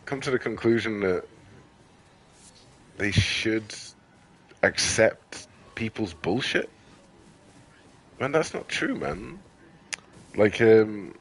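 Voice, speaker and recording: A man with a very low voice rambles through a tired, profane rant while he plays a game. His talk is loose and full of fillers, and he swears in almost every line. There is a faint hiss behind him. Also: low-quality recording. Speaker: gaming video creator. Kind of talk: casual ranting commentary over gameplay.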